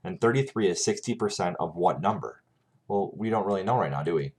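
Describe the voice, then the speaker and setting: With a low, husky voice, a man teaches math over a screencast, speaking expressively and a little fast. He narrates each calculation step by step and often checks in by asking "right?".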